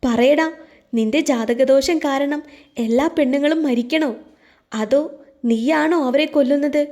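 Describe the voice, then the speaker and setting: A woman's voice: high-pitched, a little slow, warm tone, pitched above the performer's own voice. A woman voicing a grieving mother who screams accusations in a frantic, wailing voice, in an audio story. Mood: screaming.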